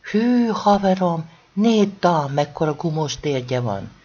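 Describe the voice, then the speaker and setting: An eager, cheeky young schoolboy who speaks up quickly and keenly, voiced by an audiobook reader. His voice is husky and lively. The recording sounds dull and lo-fi. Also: medium pitch, pitched above the performer's own voice. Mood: excited. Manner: eager, whispering excitedly.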